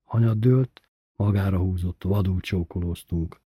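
A man reading a first-person story aloud in a plain, even storytelling manner. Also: low-pitched, husky, dry recording. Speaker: narrator.

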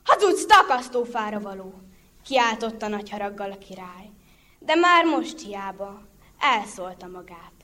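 Woman telling a folk tale. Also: a little high. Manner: lively, rhythmic storytelling. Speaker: storyteller.

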